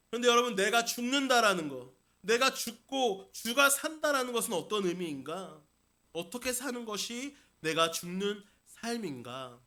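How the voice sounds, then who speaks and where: In a church sanctuary mid-service, the senior pastor delivers his Sunday sermon in a high, bright, forceful voice. He is emphatic, speaks straight to the congregation, and returns again and again to key phrases.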